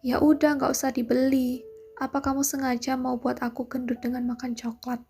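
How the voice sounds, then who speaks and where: A woman's voice: sits high, little pitch movement, normal speed, dark tone, faint music behind. A woman reading a novel aloud, voicing a demanding young woman who scolds and nags. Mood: scolding. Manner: scolding, nagging.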